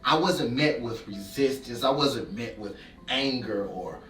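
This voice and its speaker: A man's voice: medium pitch, a little slow, a bit bright. A man giving an emotional, heartfelt spoken tribute that keeps building into impassioned repetition. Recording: echoey room, distant mic, faint music.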